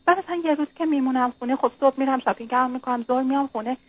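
A woman's voice: sits high, slightly rough, dry recording. A woman calling in to a radio advice show, speaking hesitantly and searching for her words. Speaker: caller. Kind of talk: phone-in call to a radio show. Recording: muffled radio broadcast audio.

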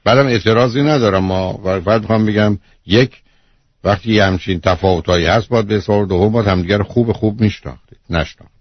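This call-in advice show has a male psychologist host with a lowish voice, recorded dry and sounding like dull lo-fi radio. He lectures the caller in a blunt manner.

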